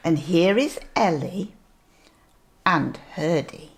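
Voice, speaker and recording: A sweet grandmotherly older woman reading a picture book aloud to young children, gently pointing things out as she goes. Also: on the low side, background noise. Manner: slow, deliberate storytelling with asides.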